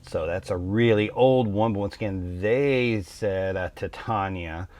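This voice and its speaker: Man, lowish voice, dry close sound, casual explainer, relaxed, thoughtful, lots of ums. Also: a little slow, no room sound. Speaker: tabletop game channel host.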